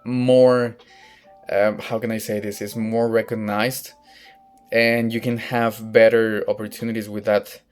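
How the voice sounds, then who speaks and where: Outdoors in sunlight, a young vlogger from northern Mexico practices English in a casual personal monologue, his Mexican Spanish accent clear. He speaks slowly and hesitantly, frequently restarting and hunting for words, in a low, smooth, clear voice with a flat, even tone. Faint music plays in the background.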